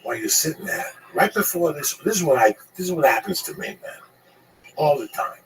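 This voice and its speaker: This Cuban comedian and radio host, middle-aged, speaks on the higher side and fairly quickly as he spins profane, animated stories in a casual chat. Faint background noise comes through a distant mic.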